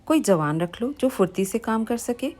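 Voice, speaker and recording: A woman's voice: fairly high pitch, expressive, normal speed, darkish tone. A woman voicing a snide young friend who mocks the old mother-in-law in a family storybook tale. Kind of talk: storybook reading.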